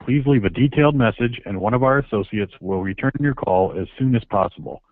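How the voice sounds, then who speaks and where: A man's voice: mid-range voice, a little fast, dry recording. A man giving a formal, scripted recorded greeting for a business phone menu, heard over a landline phone. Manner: even, formal recorded announcement. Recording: narrow, dry phone-line sound.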